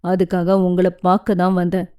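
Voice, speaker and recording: A friendly young man teases lightly in a mellow, easy voice, as a woman narrator voices him. He talks in a relaxed, breezy way. It is audiobook reading. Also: fairly low pitch, normal speed, smooth, pitched below the performer's own voice, lightly acted. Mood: teasing. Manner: teasing, breezy.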